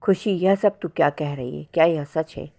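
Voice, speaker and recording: Brief: woman narrator playing a worried middle-aged mother in a spoken story, anxious and tender, low voice. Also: moderate pace, gravelly, mellow. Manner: anxious, coaxing.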